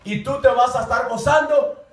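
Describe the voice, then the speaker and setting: A middle-aged man preaching a fervent Pentecostal sermon. He swings into shouting and repeats "hermano" after nearly every phrase. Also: high voice, moderate pace. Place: church hall. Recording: roomy echo, mic far off.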